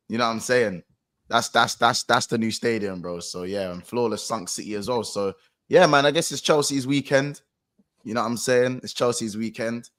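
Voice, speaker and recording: A man's voice: fairly low pitch, a bit bright. Slangy London man telling it repetitively. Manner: repeats phrases for emphasis. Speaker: football fan show panellist. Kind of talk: casual chat, storytelling.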